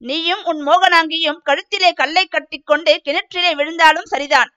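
A flustered young village farmer defends himself and pleads to be believed, voiced by a woman reading a storybook. The voice stays high and bright, with little lowering for the man. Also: fairly even intonation, normal speed, highs cut off. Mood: defensive.

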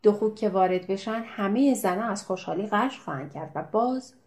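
A cheeky, tipsy young village man, as a woman reader puts him on speaks in loud, bantering bursts, with a mellow, soft-edged tone. He jokes freely and keeps a colloquial swagger throughout this audiobook scene. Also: medium pitch, expressive, lightly acted. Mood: teasing.

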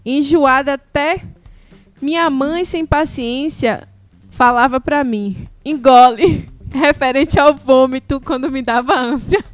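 A woman's voice: high voice, a little slow, soft background music. A Brazilian woman co-hosting a podcast in casual chat, reading out a listener's story. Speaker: podcast co-host.

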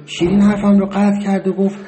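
A man narrates a first-person audiobook story, his voice sitting fairly high. He tells it steadily and reflectively, in an even storyteller's way.

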